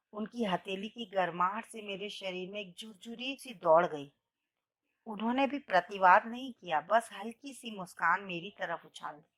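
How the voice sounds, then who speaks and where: Woman storyteller, first-person narration, expressive, emotional. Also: medium pitch.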